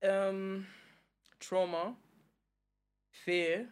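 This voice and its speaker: A woman's voice: medium pitch, steady tone, very slow, clean tone. A young British woman from a podcast chat, speaking with a London accent. She sounds earnest and opinionated, laying out her views in casual, slangy phrases. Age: young adult. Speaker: podcast guest.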